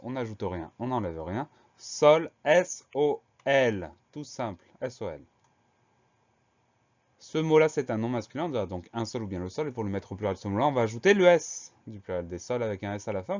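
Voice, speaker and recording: A man teaching a spelling lesson to schoolchildren, spelling words out letter by letter in a slow, careful way. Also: lowish voice, a little mellow. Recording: slightly dull lo-fi sound.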